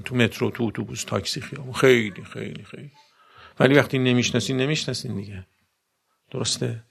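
A man with a medium-pitched, gravelly voice preaches a sermon to a gathering. He weaves recited Arabic verses into plain speech and frequently poses questions to his listeners.

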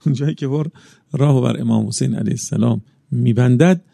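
A man delivers a religious sermon in a low, gravelly, mellow voice. He paces his phrases carefully and weaves in recited verses. He often rises into emphatic bursts, and the dry, close recording keeps every rasp audible. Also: no room sound. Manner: measured, builds up in emphatic bursts. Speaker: preacher.

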